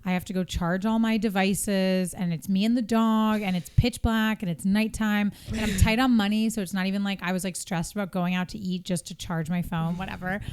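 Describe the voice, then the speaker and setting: A woman's voice: medium pitch, brisk, few pauses, clear, resonant tone. A woman in her twenties, a podcast co-host in casual chat, telling stories with acted-out quotes. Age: 20s. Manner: animated storytelling, acts out quotes.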